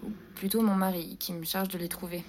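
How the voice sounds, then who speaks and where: A woman's voice: fairly low pitch, fairly even intonation, fairly quick, darkish tone, a little hiss or hum, close to an everyday voice. An actress playing an anxious married woman under hypnosis who hesitates, stammers and pleads. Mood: hesitant.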